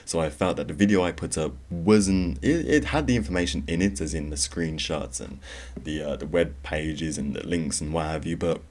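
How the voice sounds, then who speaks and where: Very deep-voiced man hosting a podcast. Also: normal speed, darkish tone. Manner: rambling, conversational, with many fillers and restarts. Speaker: podcast host. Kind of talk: solo podcast monologue.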